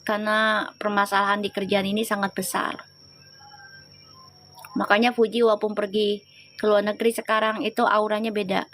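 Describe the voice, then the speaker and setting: A woman's voice: mid-range voice, flat delivery, normal speed, long pauses, a bit bright, slight background noise. A woman reading tarot on a livestream, chatting in slang and teasing her viewers. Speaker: tarot reader.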